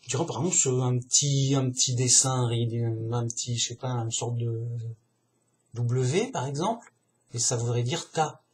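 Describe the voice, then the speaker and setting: A man's voice: mid-range voice, unhurried. A man musing aloud in a casual, digressive monologue, slangy and chatty, often addressing the listener as a buddy.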